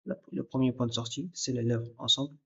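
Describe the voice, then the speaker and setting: A man's voice: mid-range voice, steady tone, a little fast, vocal fry, fairly bright tone. A man teaching a recorded lesson, explaining step by step and addressing the listener directly, repeating sounds aloud to demonstrate them. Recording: dull lo-fi recording.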